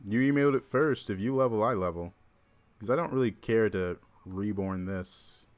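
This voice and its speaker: A young Georgia man streams a card game in casual livestream commentary, chatting and thinking aloud with plenty of fillers. His voice sits on the low side and moves at a moderate pace.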